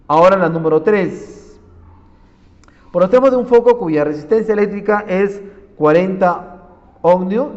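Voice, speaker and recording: A man's voice: sits high, a little mellow. A man teaching a physics lesson, working through problems and quizzing his students as he goes. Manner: keeps saying "miren", quizzing students. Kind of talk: classroom lecture solving problems. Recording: dull audio with long reverb.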